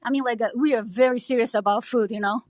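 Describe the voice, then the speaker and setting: A woman's voice: a little high, steady tone, fast, a little mellow, no echo. A woman from Japan with a Japanese accent, chatting casually and a little hesitantly in a group discussion. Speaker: podcast panelist. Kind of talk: casual chat.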